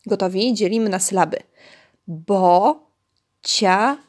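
Slow, encouraging woman teaching small children. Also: medium pitch, lively intonation. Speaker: preschool teacher. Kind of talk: online lesson for young children.

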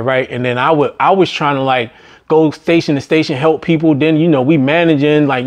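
A middle-aged man recounts his restaurant management days in a loose, conversational ramble. His voice sits a touch high for a man, and he keeps punctuating his thoughts with "right?" and "man." When he quotes other people, he jumps into high, strained voices. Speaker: business vlogger and former restaurant manager. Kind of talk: casual storytelling monologue.

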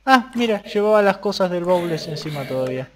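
A young man with an Argentine Spanish accent talks his way through a Minecraft survival run. His voice sits somewhat high, and he swings from low muttering to sudden excited shouts as things go wrong. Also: fairly quick, slight background noise. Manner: excitable, jumps between mutters and high yelps. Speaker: gaming youtuber. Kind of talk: casual Minecraft let's play commentary.

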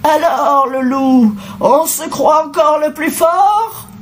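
A woman's voice: high voice, slow, a little hiss or hum, pitched above the performer's own voice. A woman voicing a stern, protective mother goat who scolds and growls suspiciously. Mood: scolding.

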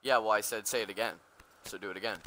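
A man's voice: on the low side, fairly even intonation, fast talker, bright, forceful tone, a little hiss or hum, poor audio. A man chatting during a game, pushy and demanding with his friends. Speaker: streamer's friend. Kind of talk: casual gaming chat. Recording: voice chat with game music.

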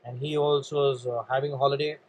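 A man from India with an Indian English accent gives an earnest motivational training talk on networking, often calling listeners "guys" while coughing and clearing his throat. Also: medium pitch, flat delivery, fast talker, low-quality recording.

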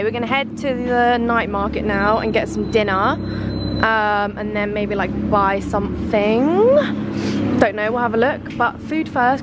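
A woman's voice: mid-range voice, very noisy. A young woman, chatting casually as she films her travel vlog with many fillers. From England. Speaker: travel vlogger. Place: busy outdoor night market. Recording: loud music behind, outdoors.

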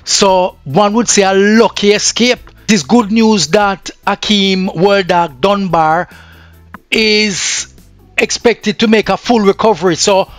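A man's voice: high-pitched, slow pace, no room sound, soft background music. A man with a Jamaican accent commenting on news in a chatty way that drifts into patois.

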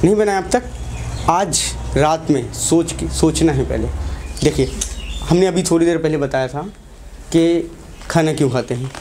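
A man's voice: on the high side, moderate pace, pauses often, a little mellow, slight background noise. A young man, a teacher giving a motivational talk to students in a classroom, asking the class short questions and repeating key lines.

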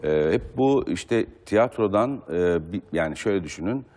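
A male stage actor on a talk show, speaking in a measured way with many pauses and fillers. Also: low-pitched, expressive, a little mellow, big-room sound. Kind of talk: casual TV talk.

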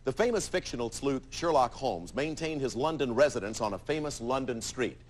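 A man hosting a TV game show, bantering playfully with contestants and reading questions briskly in a studio. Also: medium pitch, animated.

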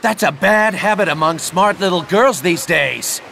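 A cocky gravelly young assassin. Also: male voice, high-pitched, measured pace, a little hiss or hum, heavily acted. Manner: swaggering, taunting. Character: cocky young male assassin, brash and laid-back. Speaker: assassin hero. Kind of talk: video game voice acting. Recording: game audio with loud music.

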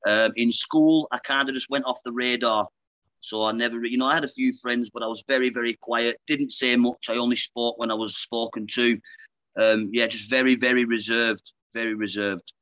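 Over earbuds on a video call, a pro boxer in his thirties from Lancashire tells his story to a podcast host in a chatty, frank way, ending sentences with "mate." His bright, forward voice is medium-pitched and fairly even at a moderate pace. The poor-quality sound is close and dry, with no echo or room around it.

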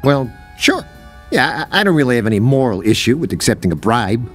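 A man's voice: mid-range voice, very animated, brisk, slightly rough, faint music behind. A man voicing a nervous, chatty male alien townsperson who hems and hesitates, in video game dialogue.

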